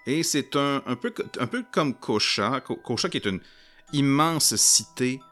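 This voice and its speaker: A man giving casual commentary while playing a game, explaining things in a halting way with frequent pauses and restarts. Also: medium pitch, expressive, a bit bright, soft background music. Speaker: game streamer. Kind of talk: casual commentary over gameplay.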